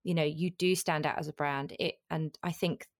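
A woman's voice: low voice, fairly even intonation, normal speed, no room sound, clean studio sound. A woman hosting a podcast interview in an effusive, encouraging, conversational way. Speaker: podcast host.

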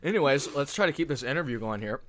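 A man's voice: medium pitch, expressive, fast talker, fairly bright tone. A young man hosting a casual podcast chat, laughing and flustered while eating very spicy jelly beans. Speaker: podcast host.

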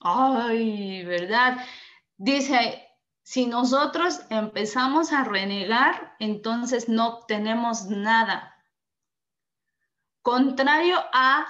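Higher-voiced woman giving a motivational talk. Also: fairly bright tone, dull audio. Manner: earnest, addresses listener directly. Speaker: motivational speaker. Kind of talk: motivational talk with acted stories.

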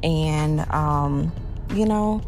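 A woman's voice: sits low, extremely slow, darkish tone, slight background noise. A woman in her late twenties from Baton Rouge, hosting her own podcast in a loose, rambling chat full of "you know" and "um". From Louisiana, Baton Rouge. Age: 20s. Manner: chatty, rambling, many fillers like "you know" and "um". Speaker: podcast host. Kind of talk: casual solo podcast chat.

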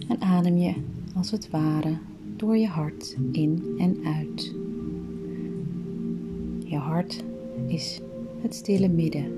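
A woman leads a guided meditation, speaking very slowly and gently, with her voice often sinking into a breathy whisper. Her pitch sits a little low, and loud meditative music plays behind her throughout. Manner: slow, soft, soothing, often breathy whisper.

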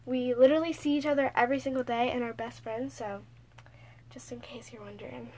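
A woman's voice: a little high, fairly even intonation, brisk, a little mellow. A teenage girl co-hosting a podcast, chatty, giggly and teasing, recorded inside a small closet full of clothes. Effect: recorded inside a small clothes-stuffed closet. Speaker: podcast co-host. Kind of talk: casual chat.

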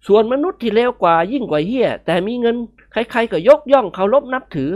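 A woman voicing a cheeky, quick-tempered young man who argues playfully in a storybook reading. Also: a little high, lively intonation, lo-fi sound, voice pushed up, natural voice. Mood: musing. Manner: playful, argumentative.

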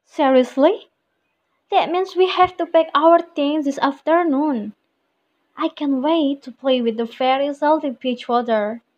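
A woman's voice: high-pitched, unhurried, a little mellow. A young woman with an Indonesian accent playing an eager friend in a recited English dialogue about plans with friends, speaking carefully. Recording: muffled lo-fi recording.

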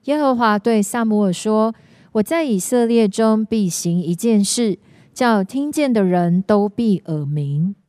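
Woman reading scripture slowly, smooth voice. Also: mid-range voice, lively intonation, warm tone, no room sound. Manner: slow, measured reading. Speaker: scripture reader.

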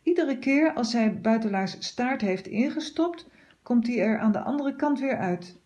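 A woman calmly reading a children's story aloud. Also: on the high side, unhurried.

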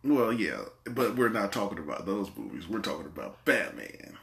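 A man's voice: lowish voice, sing-song, moderate pace, vocal fry, a bit bright. A man hosting a casual movie podcast, rambling and repeating his words as he talks. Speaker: podcast host. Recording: echoey room.

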